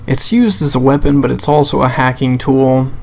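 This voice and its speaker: A man with a creaky, gravelly voice of middling pitch talks off the cuff over game footage. He is blunt and exasperated, swearing freely as he complains his way through his commentary. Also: normal speed. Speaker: gamer making a rant video. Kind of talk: unscripted video game rant commentary.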